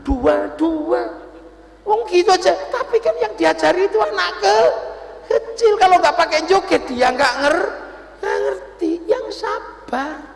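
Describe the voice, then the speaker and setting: Gravelly high-voiced preacher. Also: male voice. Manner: lively, animated preaching. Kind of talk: storytelling sermon. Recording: echoey hall, long reverb.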